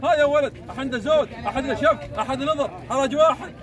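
A man with a Najdi Saudi Bedouin-style accent working as a livestock auctioneer, loudly calling and repeating bids in a chant. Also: extremely high pitch, fast talker. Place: outdoor livestock pen at night, crowd of men behind. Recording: outdoor market recording with loud crowd.

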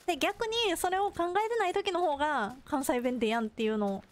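A woman's voice: high-pitched, fairly quick. A woman with a Kansai accent, chatting casually and rambling to herself while live-streaming a game. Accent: Kansai Japanese. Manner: rambling self-talk between game remarks.

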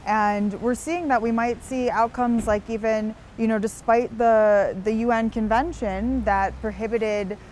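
A woman's voice: fairly high pitch, fairly even intonation, measured pace, few pauses, darkish tone, a little hiss or hum. A young woman being interviewed outdoors on a busy street, talking earnestly and at length, with frequent restarts. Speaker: interview guest.

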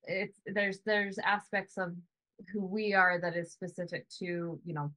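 A woman in her thirties who owns a sauna business chats casually on a video call from home, often tacking "right?" onto her points and hedging with "you know." Her voice is on the low side, pushed and bright, with little pitch movement and a slightly slow pace.

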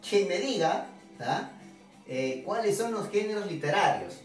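A man's voice: high-pitched, animated, a little slow. A male teacher giving a chatty literature lesson to his students. He keeps asking rhetorical questions and teasing the class as he talks. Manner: chatty, constantly asks rhetorical questions with tag '¿no?'; addresses students directly, playful and teasing. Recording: very echoey room, distant mic, faint music.

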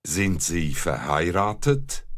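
Low male voice for a language lesson, very slow, with animated intonation. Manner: clear, careful enunciation for learners.

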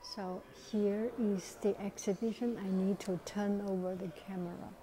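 Speaking slowly and quietly, a woman comments casually on an art gallery she is walking through indoors, sounding critical and unsure and occasionally dropping to a whisper. Her voice is mid-pitched and even, with slight background noise. The audio comes from an earphone mic, and her phone camera is held out at arm's length.

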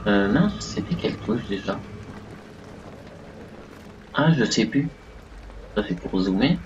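A man's voice: fairly low pitch, lively intonation, takes it slowly, far from the mic, noisy background. Chatty male streamer, dull mic. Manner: chatty, thinks aloud, many fillers. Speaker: gaming streamer. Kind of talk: live let's play commentary.

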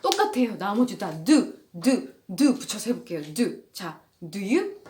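A woman's voice: mid-range voice, very animated, slow, a little mellow. A woman in her thirties teaching an English lesson, patiently repeating drill sentences. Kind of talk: casual home English lesson.

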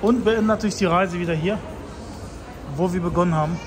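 A man's voice: sits high, quick pace, a crowd in the background. A man in his thirties from Tajikistan, chatting casually to viewers as he walks through a city square and station at night, with the camera held at arm's length. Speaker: vlogger. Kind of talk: street walking vlog commentary. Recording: loud city street noise.

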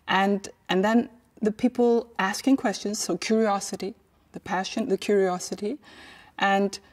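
A middle-aged woman, an artist giving a reflective documentary interview and searching for her words. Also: mid-range voice. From Iceland. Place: large indoor hall.

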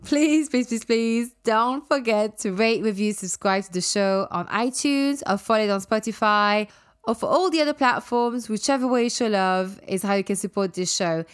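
High-voiced woman podcaster with w-like R's. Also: normal speed, clean tone. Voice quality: cannot say English R's properly, sounding close to w. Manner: emphatic, playful, blunt, repeats words for emphasis. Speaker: podcast host and women's health coach. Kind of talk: podcast monologue, addressing listeners directly.

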